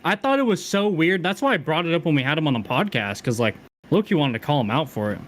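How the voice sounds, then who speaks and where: Lively, higher-voiced casual man. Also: fast. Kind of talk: podcast chat.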